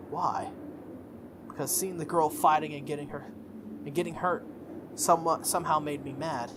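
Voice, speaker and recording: With game music and background noise behind them, a gaming YouTuber and let's player reads a visual novel aloud in a mid-range voice. They stop now and then for casual, joking commentary.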